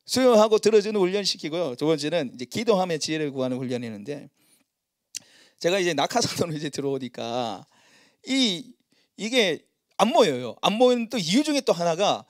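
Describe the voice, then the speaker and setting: Animated high-voiced male pastor preaching. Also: fairly quick, dry recording, clean studio sound. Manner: storytelling, animated and self-mocking. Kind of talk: sermon. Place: church.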